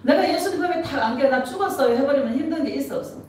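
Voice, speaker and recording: A middle-aged woman pastor preaching an animated sermon, laughing often and asking the congregation questions. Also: sits high, very fast. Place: church sanctuary. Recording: echoey church from a distance.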